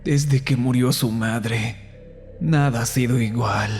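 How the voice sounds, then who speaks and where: A man voicing a grieving, despairing father who speaks quietly in a horror story. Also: mid-range voice, slow, faint music behind, lightly acted. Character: grieving, broken middle-aged father.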